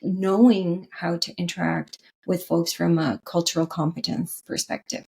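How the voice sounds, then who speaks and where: Gravelly and darkish, this Canadian woman's low voice stays flat at a normal speed as she guests on a podcast. A leadership consultant with a Canadian English accent, she speaks earnestly in the interview, frequently restarting and asking "right?".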